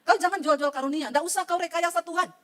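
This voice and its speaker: A woman's voice: very high voice, fast talker. A woman pastor preaching a sermon to her congregation, talking colloquially and directly to them and acting out the people she quotes. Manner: lively, colloquial, addresses the congregation directly, acts out quoted voices. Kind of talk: sermon with storytelling.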